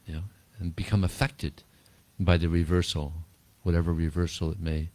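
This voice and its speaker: A man giving a relaxed spiritual talk to a small group, chuckling often and repeating words as he answers questions. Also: deep voice, normal speed. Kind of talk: informal talk and Q&A.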